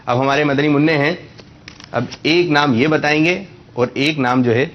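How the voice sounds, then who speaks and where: A man's voice: mid-range voice, fairly bright tone, highs cut off. A man hosting a religious quiz show for children, patiently correcting and repeating their answers.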